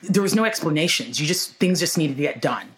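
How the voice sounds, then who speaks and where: A woman from Houston talking candidly as a podcast guest, loose and animated, full of "like" and casual swearing. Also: low-pitched, brisk. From Houston, Texas. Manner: loose and animated, heavy filler "like", swears freely.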